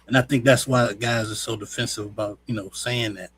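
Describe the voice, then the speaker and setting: A man's voice: on the low side, fairly even intonation, fairly quick, a bit bright, a little hiss or hum. A man on a stream panel, giving his view in a laid-back, conversational way. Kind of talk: casual online debate chat.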